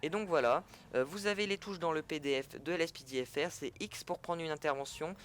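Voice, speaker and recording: This gaming tutorial creator speaks French in a relaxed, talkative way, often stopping to fix what he just said and using plenty of fillers. His voice is a little high and fairly bright, and he talks fairly quickly.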